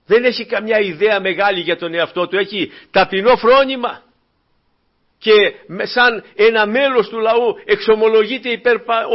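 A man preaching a sermon to his congregation with fervor, moving between quiet, low asides and loud, emphatic peaks. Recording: dull lo-fi recording.

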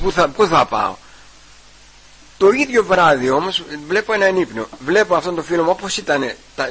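A man giving a personal testimony at church. He retells the conversations and keeps repeating "I say" and "he says", with halting restarts. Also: a little high, fairly bright tone, breathy edge, poor audio.

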